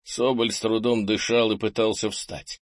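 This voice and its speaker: A man reading an audiobook in scripted narration, steady and even. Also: fairly low pitch, moderate pace, no echo, studio quality.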